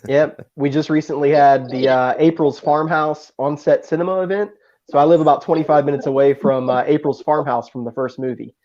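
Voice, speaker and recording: A man's voice: on the high side, steady tone, fairly quick, darkish tone, dull audio. A man chatting as a guest on a video call, enthusiastic and full of stories. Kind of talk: casual video-call chat.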